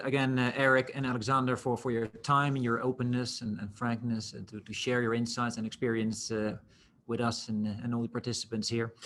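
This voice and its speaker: A man's voice: mid-range voice, fairly bright tone, a little hiss or hum. A man moderating a webinar over a video call, polite and courteous, often hesitating and restarting. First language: Dutch. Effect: heard over a video call. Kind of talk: formal panel moderation.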